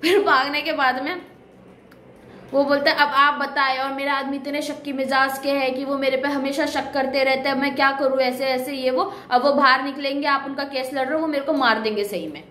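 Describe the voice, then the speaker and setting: Woman film recapper, high voice, chatty and wry asides, roomy echo, faint hiss. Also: steady tone, brisk, bright, forceful tone. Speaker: movie reviewer. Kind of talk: casual movie story recap.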